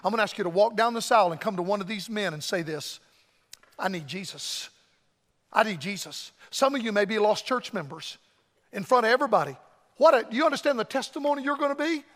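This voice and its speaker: A middle-aged evangelist preacher delivers a fervent revival sermon and pleading altar call to a congregation in a large church hall, emphatic and full of short repeated phrases. His voice is high-pitched, quick and a bit bright, and the recording carries the reverb of a large hall.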